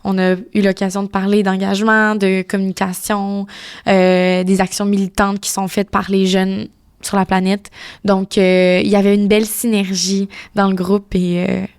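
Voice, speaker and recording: A woman presenting a podcast, summarizing her group's discussion clearly. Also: mid-range voice, little pitch movement, normal speed, a little mellow, no echo, studio quality.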